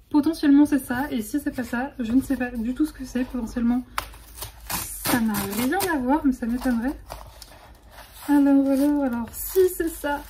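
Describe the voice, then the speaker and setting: A young woman chatting excitedly in a casual vlog, full of fillers and restarts. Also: high-pitched. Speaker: vlogger.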